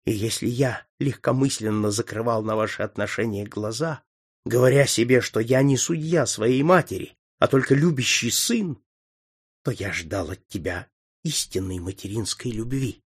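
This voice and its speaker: A cold young nobleman accuses in a hollow, lifeless murmur, as a male narrator reads him. The voice is husky and sits at an ordinary middle pitch. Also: moderate pace, lightly acted. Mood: cold, quiet. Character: cold young aristocrat son, accusing, contemptuous.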